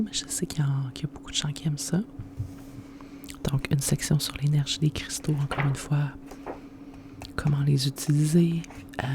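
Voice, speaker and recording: In a hushed, unvoiced library whisper, an ASMR host with a Quebec French accent presents a book. Her mid-range voice explains things informally and without any hurry.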